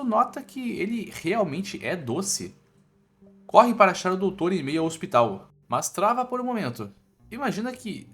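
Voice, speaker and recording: A man with a Brazilian accent and a bright voice on the high side narrates a scripted story recap in an informal, slangy, irreverent style, with background music running under his voice.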